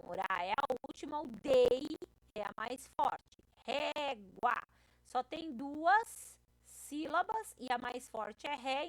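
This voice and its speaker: Patient teacher woman, lively voice. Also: a little high, no echo, poor audio. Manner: patient, often checks in with "tá?". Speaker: primary school teacher. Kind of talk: recorded video lesson for children.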